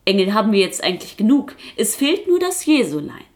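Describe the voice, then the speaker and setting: A woman's voice: mid-range voice, sing-song, brisk, close to an everyday voice. Woman playing a dry, sensible forester's wife. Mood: motherly. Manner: dry, matter-of-fact, gently mocking. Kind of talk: storybook reading.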